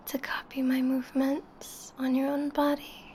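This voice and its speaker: A woman doing an ASMR role-play as an adoring, seductive lover, speaking slowly and intimately, close to the listener's ear. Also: high voice, monotone, darkish tone, a little hiss or hum. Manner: slow, lingering delivery with pauses.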